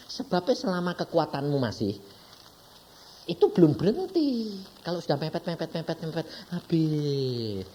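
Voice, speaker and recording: Lively Javanese-accented preacher man. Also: a little high, slight background noise. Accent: Javanese-accented Indonesian. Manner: lively, conversational preaching with frequent questions to the congregation. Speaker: evangelist preacher. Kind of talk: sermon.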